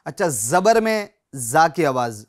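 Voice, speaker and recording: Slightly high and sing-song, a man's voice teaches Quran reading. He slowly and patiently repeats every example, speaks directly to viewers urging them to read along, and frequently says "theek hai" between points.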